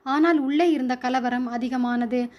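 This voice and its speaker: A woman storyteller reads a short story aloud in a steady, scripted way. Her voice sits high and has a mellow, dark tone. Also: a little slow. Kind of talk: scripted narration.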